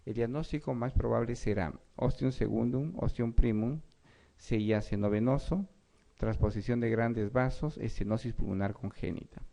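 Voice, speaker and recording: A man's voice: mid-range voice, normal speed, creaky, dark tone. A man giving an exam review lecture, reading questions and explaining them, often checking in with his students. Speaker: medical lecturer.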